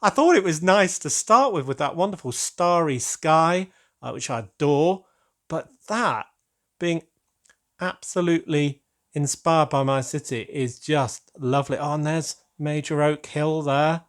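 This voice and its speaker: A man's voice: on the high side, a little slow. A British man hosting his own channel, chatting casually and gushing with delight as he unboxes a gift, full of rambling asides. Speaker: LEGO channel host.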